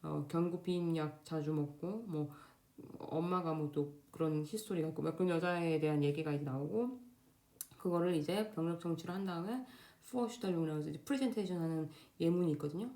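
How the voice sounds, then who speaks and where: A young woman talking casually to camera at home, quick and loose with many fillers and restarts. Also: deep voice, dark tone. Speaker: Korean doctor in Germany giving exam advice. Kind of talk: casual unscripted vlog talk. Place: home, indoors. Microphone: camera facing speaker.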